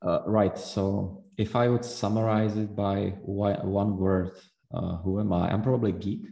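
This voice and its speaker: Man, Czech accent, deep flat monotone, dark mellow tone, roomy echo. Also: gravelly. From Czech Republic. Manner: measured, many hesitant fillers. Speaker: guest entrepreneur. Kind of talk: podcast interview.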